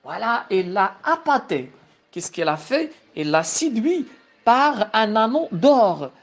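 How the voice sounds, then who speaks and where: A woman, a teacher reading a play aloud slowly and deliberately and explaining it as she goes. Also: fairly high pitch, big pitch swings.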